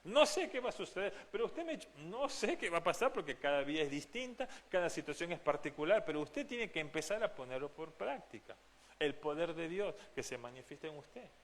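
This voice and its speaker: A man's voice: on the high side, big pitch swings, a little fast. A man from Argentina, preaching a sermon as pastor, earnest and direct, often asking the congregation questions. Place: church.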